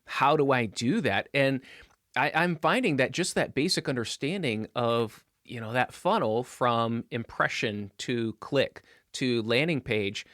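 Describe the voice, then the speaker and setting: A man's voice: medium pitch, lively intonation, measured pace, fairly bright tone, no echo, clean studio sound. Chatty, enthusiastic male podcast host. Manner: enthusiastic, laughs easily, many fillers. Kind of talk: casual conversation.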